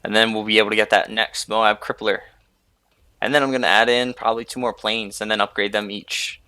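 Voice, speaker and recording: A man's voice: fairly low pitch, steady tone, brisk, bright, forceful tone, smooth, dry recording. A young man hosting a gaming video, rambling casually over his gameplay and filling gaps with "like" and "you know". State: sleepy, yawning. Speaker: gaming channel host.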